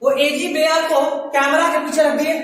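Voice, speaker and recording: High-voiced man teaching in an echoey classroom. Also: flat delivery, moderate pace, fairly bright tone. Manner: chatty, joking, questions students directly. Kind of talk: classroom chemistry lecture. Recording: very echoey room, mic far off, faint noise.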